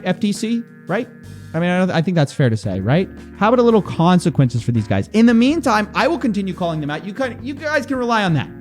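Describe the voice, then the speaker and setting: A man's voice: high voice, a little mellow. A man speaking straight to camera in a commentary video, exasperated and incredulous as he calls people out, with faint music underneath. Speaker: online investigative commentator.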